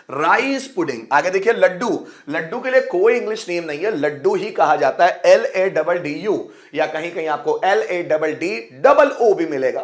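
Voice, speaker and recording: Male tutor, high voice, quizzes each word back, spells terms out slowly, friendly teacher. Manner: repeats each word with a quiz-style question; spells words out letter by letter slowly. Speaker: English teacher. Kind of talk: bilingual vocabulary lesson.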